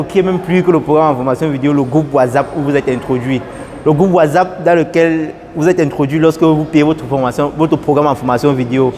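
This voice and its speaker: A young man giving an earnest, casual testimonial at an airport, repeating his phrases and getting animated. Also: medium pitch, background noise. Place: airport, indoors.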